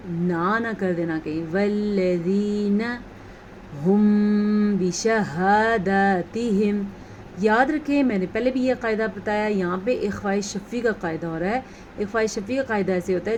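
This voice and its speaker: A woman teaching a tajweed lesson, explaining rules patiently and reciting words slowly. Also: medium pitch, a little mellow, slight background noise.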